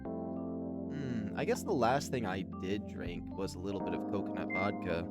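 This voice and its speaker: Over loud music, a man with a low-pitched, expressive voice reads a visual novel aloud at a moderate pace. His casual narration and gameplay commentary ramble, and he often interrupts his own thoughts.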